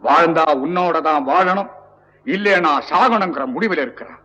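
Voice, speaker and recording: A man's voice: on the high side, moderate pace, sharp tone, dull audio. An actor playing a commanding, domineering king in old film dialogue. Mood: conciliatory. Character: commanding, lustful middle-aged king.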